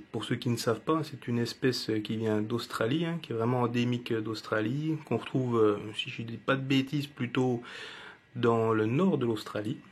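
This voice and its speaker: A man with a Jura French accent talks casually about his snake in a husky, slightly breathy voice. His pitch sits in an ordinary middle range. He speaks in a relaxed way, pausing often on fillers. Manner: relaxed, hesitant with many fillers. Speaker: reptile keeper and channel host. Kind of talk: casual video presentation. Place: indoors beside a terrarium.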